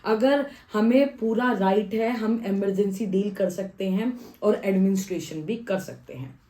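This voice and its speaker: A young woman, an Ayurvedic doctor, explaining rules point by point in a methodical way with frequent pauses. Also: medium pitch, dark tone. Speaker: Ayurvedic surgeon and postgraduate scholar. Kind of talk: informational explainer vlog. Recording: echoey room.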